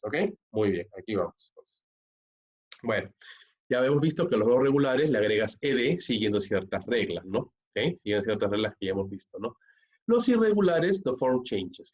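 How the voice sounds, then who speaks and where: A man teaching an English grammar lesson, explaining step by step and often checking with "¿ok?" or "¿no?". He slows down and stresses the key words. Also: mid-range voice, a little mellow. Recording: dull lo-fi recording.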